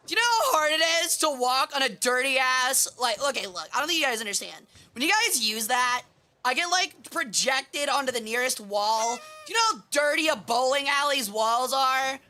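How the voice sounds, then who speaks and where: A woman livestreaming in a cute anime-streamer manner, chatting with viewers in a bubbly, animated way and exclaiming her greetings. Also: sits high, moderate pace. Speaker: VTuber streamer, host.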